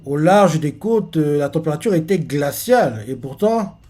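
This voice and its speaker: A man reading aloud the lines of a cautious, steady male fighter, in a slightly lowered voice. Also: moderate pace. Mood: warning.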